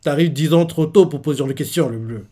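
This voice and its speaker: A man reading out a manga and voicing a stern male navy officer who talks down in a low, curt way. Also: fast talker, dark tone, natural voice. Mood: dismissive.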